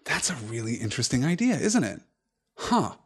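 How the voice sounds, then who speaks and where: Male host reading aloud and musing; engaged, digressive, middle pitch. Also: big pitch swings, moderate pace, breathy edge. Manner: thoughtful, enthusiastic, digressive. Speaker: host of a live book-reading stream. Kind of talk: reading aloud and discussing, answering chat.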